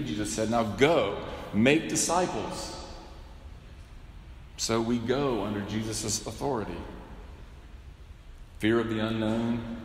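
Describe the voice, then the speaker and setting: A middle-aged man preaching a sermon from a cathedral pulpit, measured and wryly humorous, often asking rhetorical questions. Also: medium pitch, a little hiss or hum. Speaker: bishop preaching. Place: large cathedral, indoors. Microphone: pulpit microphone. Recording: echoey cathedral with long reverb.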